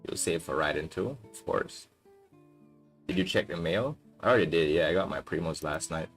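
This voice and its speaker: A man's voice: low voice, moderate pace, soft background music. A young man streaming a game, chatting casually in a laid-back way and calling his viewers bro. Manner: laid-back, calls everyone bro, reads chat aloud. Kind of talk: casual live-stream chat while playing.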